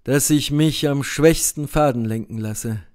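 A man's voice: medium pitch, measured pace, a little mellow, close to an everyday voice. A man voicing a grieving old nobleman in an audiobook, heavy and sorrowful. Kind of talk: audiobook character reading.

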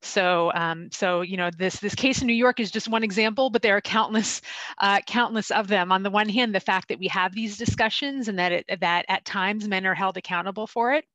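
A woman's voice: medium pitch, fairly quick, a bit bright, no echo, poor audio. A woman professor answering a panel question at length over a video call, thoughtful and discursive. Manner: thoughtful, rambling, with restarts.

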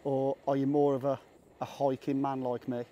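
A man's voice: medium pitch, flat delivery, moderate pace, warm tone, muffled recording, slight background noise. A man chatting casually to camera on a hike, joking about himself and talking to his dog between thoughts. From England. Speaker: vlogger. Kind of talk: casual vlog chat. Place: outdoors on a hiking trail.

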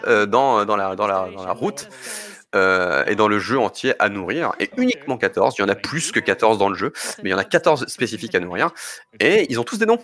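A man commentating a speedrun live, explaining techniques step by step with halting restarts and light joking asides. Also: lowish voice, lively intonation, fairly bright tone.

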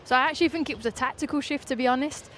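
A woman in her thirties giving quick, assertive football analysis pitchside into a handheld mic. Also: fairly bright tone, a little hiss or hum. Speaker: football pundit. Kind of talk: punditry analysis. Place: outdoors pitchside at a stadium.

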